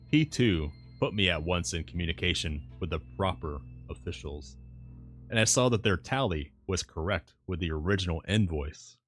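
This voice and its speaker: A man reading a classic novel aloud as a streamer, in audiobook-style narration with measured, deliberate phrasing. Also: sits low, a bit bright. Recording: music playing behind the voice. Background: background music.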